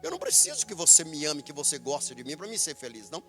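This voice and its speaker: A male pastor with a Brazilian accent preaching a sermon, emphatic and animated, laughing often. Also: on the high side, quick pace, soft background music. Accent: Brazilian Portuguese.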